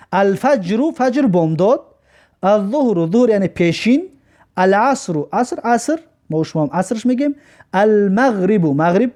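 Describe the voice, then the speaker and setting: A man with a Tajik accent teaching in a high, lively voice that climbs and drops a lot. His tone is dark and mellow. He reads each word out slowly, then explains it more quietly. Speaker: Arabic teacher. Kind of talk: recorded lesson.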